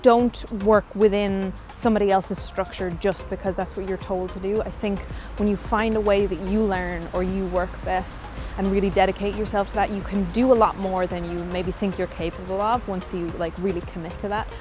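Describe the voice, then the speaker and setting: A woman's voice: mid-range voice, fairly even intonation, moderate pace, hardly any pauses, over music. A young woman with a west of Ireland accent, giving chatty, informal and thoughtful answers as an interview guest. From Galway, Ireland. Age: young adult.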